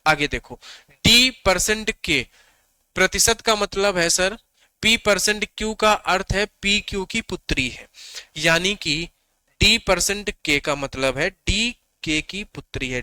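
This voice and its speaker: A young adult man teaching an exam-prep reasoning class in a high, bright voice. He poses questions and answers them himself, repeating each step. The sound is clean and dry, close to the mic. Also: animated, measured pace, no echo. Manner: repetitive, asks and answers his own questions; coaxing.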